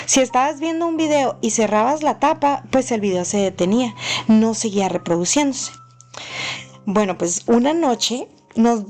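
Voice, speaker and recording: Woman with a high voice telling a ghost story. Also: a little mellow. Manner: earnest, unhurried storytelling with frequent fillers. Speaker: channel host. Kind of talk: narrating a personal paranormal story.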